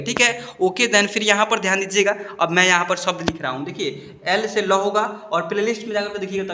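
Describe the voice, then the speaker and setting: A man teaching students to read English spellings, spelling each word out slowly and asking if they understood. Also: high voice, bright, forceful tone. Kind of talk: explaining a lesson to students. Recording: echoey room.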